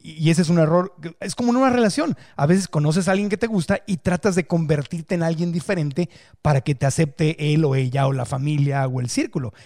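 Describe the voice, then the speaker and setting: A man's voice: on the high side, brisk, darkish tone, dry recording, studio quality. A man hosting a podcast, asking questions and reflecting on the answers. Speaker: podcast host. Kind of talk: interview questions.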